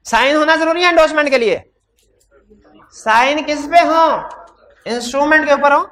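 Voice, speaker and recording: A man teaching law in a hybrid classroom. He has a sore throat, speaks loudly into a microphone, and keeps putting questions to his students. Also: extremely high pitch, moderate pace. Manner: quizzes students with repeated questions. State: throat trouble, talking loudly. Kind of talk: classroom lecture.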